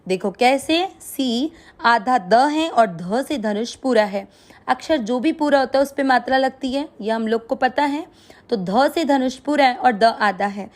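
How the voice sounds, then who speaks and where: A woman teaching Sanskrit verse pronunciation, breaking words into syllables and repeating them patiently. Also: on the high side.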